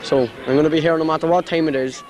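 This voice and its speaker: A man's voice: fairly high pitch, fairly even intonation, quick pace, a little mellow, poor audio. A young man with a Donegal Irish accent chatting in a jokey, bantering way, filmed outdoors on a camcorder. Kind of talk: casual street chat. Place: outdoors in a town street at night. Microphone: camcorder at arm's length. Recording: amateur camcorder in outdoor street.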